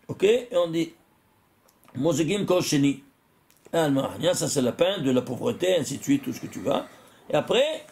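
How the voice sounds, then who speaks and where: A rabbi with a higher voice and some vocal fry gives an animated religious lesson. He quizzes listeners with rhetorical questions and often restarts sentences and repeats words.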